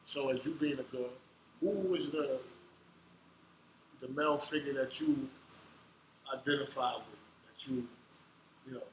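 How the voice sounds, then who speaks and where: A man hosting a casual podcast interview, joking and bantering loudly in slang. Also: medium pitch, a little slow, long pauses, roomy sound, a little hiss or hum, poor audio. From United States. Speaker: podcast host.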